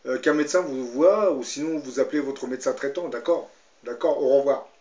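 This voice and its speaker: A brusque, dismissive female emergency operator, read out by a man in a plain, mid-pitched voice. The sound is roomy, with some echo around the voice. The top end is slightly dull. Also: a little fast, a little mellow, close to an everyday voice. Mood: curt.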